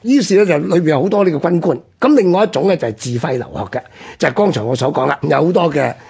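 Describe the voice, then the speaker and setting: Speaking as a radio host with a Hong Kong Cantonese accent, a man explains history point by point in a conversational way. His voice is a little high, husky and rough-edged yet slightly mellow, very fast and expressive.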